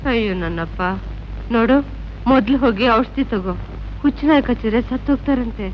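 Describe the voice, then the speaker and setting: A woman's voice: on the high side, expressive, fairly quick, a little hiss or hum, lightly acted. An actress playing a poor old grandmother who pleads and scolds. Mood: scolding. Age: older. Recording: dull old film soundtrack with music.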